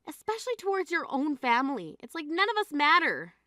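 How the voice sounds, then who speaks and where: Woman acting exasperated high-voiced grieving sister. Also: sing-song, brisk, sharp tone, no echo, studio quality, heavily acted. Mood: appalled. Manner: incredulous, reproachful. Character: exasperated grieving adult sister, indignant and scolding. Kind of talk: dramatized phone-call story dialogue.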